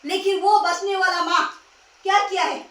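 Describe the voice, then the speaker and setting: High-pitched woman preaching, echoey and distant. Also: steady tone, normal speed, a bit bright. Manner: exhorting, rhetorical questions, repeats phrases. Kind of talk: sermon.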